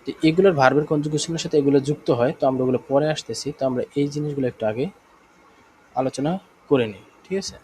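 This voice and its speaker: A man with a Bangladeshi Bengali accent teaching a live online German class, explaining slowly, repeating himself and often checking that students follow. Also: medium pitch, steady tone, warm tone, slight background noise, low-quality recording.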